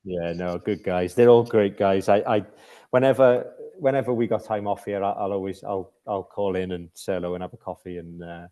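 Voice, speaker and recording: A man chatting casually as a hockey-playing guest, haltingly, often repeating words before he finishes. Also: sits low, fairly even intonation, dark tone. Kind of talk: casual chat.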